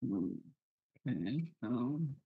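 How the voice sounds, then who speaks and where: A man playing a tabletop game, speaking haltingly with many fillers and restarts. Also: mid-range voice, very animated, breathy edge, dry recording, narrow, tinny audio. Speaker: player. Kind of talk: casual tabletop game talk, partly in character.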